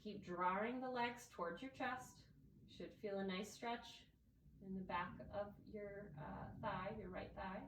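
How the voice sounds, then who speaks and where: A woman with a nasal voice from allergies, calmly guiding a yoga class step by step. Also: mid-range voice, a little slow, gravelly, roomy sound, distant mic, background noise. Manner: calm, gentle step-by-step cueing. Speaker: yoga instructor. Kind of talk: guided yoga class instruction.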